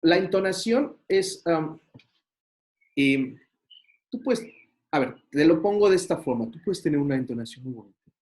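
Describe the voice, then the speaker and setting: A man's voice: fairly high pitch, lively intonation, normal speed, pauses often, darkish tone. A man with a Mexican accent lecturing a university class in a conversational way, full of fillers and rhetorical questions. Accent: Mexican Spanish. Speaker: university teacher.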